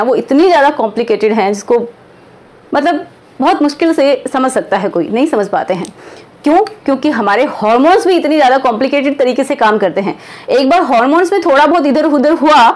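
Woman, higher-pitched voice, chatty product presenter who keeps checking in with viewers. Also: a little mellow. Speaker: product presenter and health adviser. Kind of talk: conversational promotional explainer.

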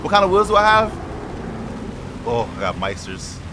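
A man's voice: high-pitched, very animated, normal speed, heavy background noise. A man giving casual, joking commentary while playing a video game, swearing a lot, using slang and talking to the characters on screen. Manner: talks to game characters as he plays. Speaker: gaming video creator.

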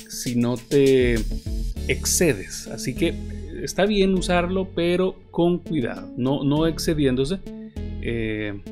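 Man, podcast tutor, patient explainer, hesitant fillers, faint music behind. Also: mid-range voice. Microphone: studio podcast microphone.

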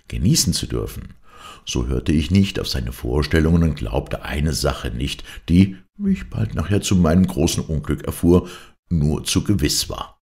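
Very deep, gravelly male storyteller. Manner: dramatic, expressive storytelling. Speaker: audiobook reader. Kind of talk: first-person fairy-tale narration.

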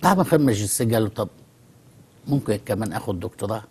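An Egyptian man with an Egyptian Arabic accent, a talk show guest calmly explaining through stories. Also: on the low side, very fast, a little hiss or hum. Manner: storytelling, calm and explanatory. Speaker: guest expert on immigration. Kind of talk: studio talk show conversation.

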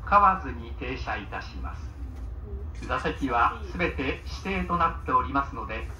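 A man giving a polite, formal train announcement over the loudspeaker, listing stops and car information in a measured, scripted way. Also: mid-range voice, a little hiss or hum. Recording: echoey train car, mic far off.

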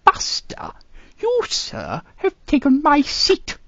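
A woman's voice: sits high, huge pitch swings, takes it slowly, gravelly, a bit bright, dry recording, muffled recording, exaggerated voice. A woman doing a cartoon impression of a fussy, fawning male snake advisor with a hissing, sibilant, pompous delivery. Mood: haughty.

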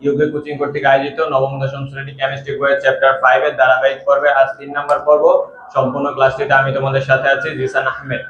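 A young man with a Bangladeshi Bengali accent teaching chemistry in a coaching centre classroom, repeating key points and asking if things are clear. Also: mid-range voice, completely flat delivery, rapid-fire, a bit bright, slight background noise. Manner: repeats key points and checks understanding with questions. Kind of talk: classroom lecture. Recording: roomy, dull lo-fi classroom sound.

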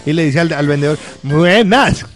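A man from Colombia telling jokes at a live show in a halting way, full of fillers and restarts. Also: high-pitched, faint music behind. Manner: halting, hesitant delivery with many fillers. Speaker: comedian.

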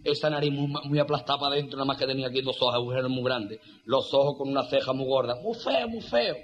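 Fast-talking joke-telling man. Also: mid-range voice. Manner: rapid, animated storytelling. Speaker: joke teller. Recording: dull lo-fi sound.

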